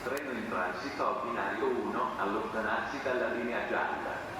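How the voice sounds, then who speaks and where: A man reads out train station announcements over a public address loudspeaker in a formal, even cadence. His voice booms with heavy echo and comes from far off across the platform. Loud station noise surrounds it. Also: moderate pace. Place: railway station platform, outdoors.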